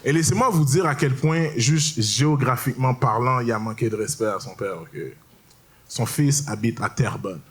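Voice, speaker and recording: A man's voice: mid-range voice, normal speed, a little hiss or hum. A young man performing a stand-up routine, telling stories in a casual, slangy way and explaining things to the crowd. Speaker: stand-up comedian. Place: comedy stage.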